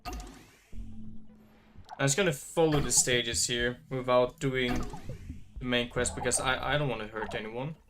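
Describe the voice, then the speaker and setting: A man's voice: medium pitch, fairly even intonation, measured pace, pauses often. A man giving casual let's play commentary, chatty and muttering to himself as he plays. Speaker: streamer. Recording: game music behind.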